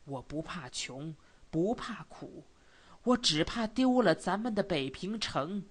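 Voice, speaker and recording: A woman reading an audiobook voices a gentle older male scholar who speaks softly and in a measured way. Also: lively intonation, breathy edge, full character voice. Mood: sorrowful. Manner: soft, low-voiced, measured.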